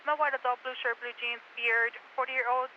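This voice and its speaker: A woman working as a police dispatcher, reading out codes, plates and addresses in a rapid, clipped way over a police radio. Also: fairly high pitch, fairly even intonation. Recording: muffled scanner radio with hiss.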